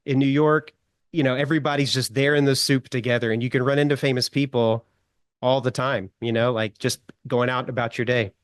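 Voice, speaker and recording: A middle-aged man spins a casual anecdote as a podcast guest, animated and quick to chuckle, with plenty of fillers. His pitch sits in the middle range. The sound is dry and close to the mic. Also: smooth, no room sound. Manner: animated storyteller, chuckles often, many fillers. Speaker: guest writer.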